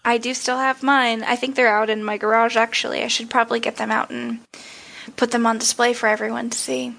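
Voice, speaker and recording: A woman co-hosting a podcast, chatting casually about a TV show with quick asides and frequent laughs. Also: on the high side, level tone, gravelly, a bit bright. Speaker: podcast co-host.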